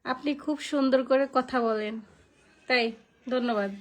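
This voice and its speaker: A woman's voice: sits high, fairly even intonation, normal speed, soft background music. A young woman with a Noakhali Bengali accent, hosting a casual live stream and chatting through viewers' comments, thanking people by name. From Noakhali, Bangladesh.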